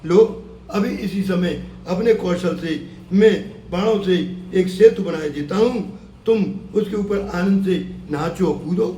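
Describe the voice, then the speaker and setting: A man's voice: high-pitched, unhurried, warm tone. A man voicing a boastful male warrior archer in a devotional tale, speaking in a challenging way. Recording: echoey room, mic far off, faint hum.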